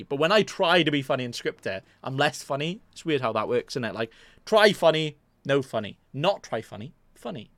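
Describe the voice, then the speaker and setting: A man's voice: on the high side, a bit bright, dry recording. Rambling self-mocking young man. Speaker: podcast host. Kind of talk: casual rambling chat. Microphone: desk mic in front of a green screen.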